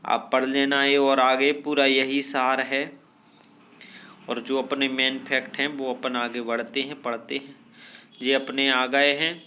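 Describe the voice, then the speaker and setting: A man teaching a grammar lesson, reading from a text and explaining slowly, repeating phrases and checking that students follow. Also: medium pitch, level tone, pushed and bright, a little hiss or hum.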